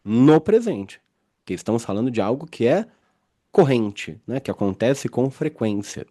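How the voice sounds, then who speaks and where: A man teaching an English grammar lesson, explaining patiently, reading example sentences slowly and often checking in with his students. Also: mid-range voice, big pitch swings, mellow.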